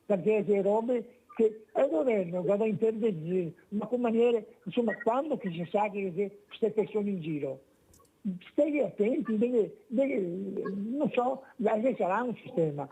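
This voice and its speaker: A man with a Venetian accent calling in on speakerphone over a bad phone line, talking in a rambling, indignant, halting way. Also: high-pitched, lively intonation, dark tone, husky. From Venice, Italy. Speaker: caller. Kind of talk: call-in radio comment.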